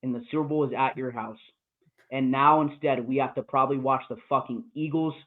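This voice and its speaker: A man's voice: mid-range voice, fairly even intonation, brisk. Profane ranting man on a tinny line. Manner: profane, ranting football fan. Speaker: podcast co-host. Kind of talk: casual sports podcast chat. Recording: tinny phone-like call audio.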